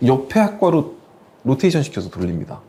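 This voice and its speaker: A male consultant explains things in a conversational way. His voice is mellow and of medium pitch, with animated, emphatic intonation as he gives examples. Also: fairly quick. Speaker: admissions consultant guest.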